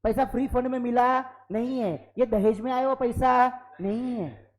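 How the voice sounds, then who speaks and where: A man teaching an accounting class live in a classroom, lively and constantly prompting students for yes or no. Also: extremely high pitch, moderate pace, poor audio. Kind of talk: classroom lecture.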